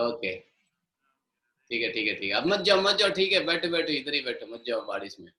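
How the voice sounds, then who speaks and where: A man's voice: medium pitch, sing-song, a little slow, pauses often, pushed and bright, roomy sound, poor audio. A middle-aged man with an Indian accent teaching a live online yoga class, switching between Hindi and English and coaching students by name.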